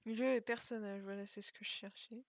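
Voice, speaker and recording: A woman's voice: mid-range voice, fairly even intonation, a little fast, dry recording. A young woman chatting casually as she plays and comments on a video game, thinking aloud and joking at herself. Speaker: gaming video creator.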